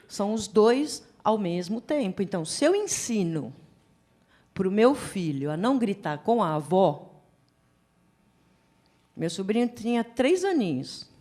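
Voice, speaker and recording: A woman giving a psychology lecture at a forum, chatty and animated, acting out little scenes as she talks. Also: fairly high pitch. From Brazil. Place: lecture hall.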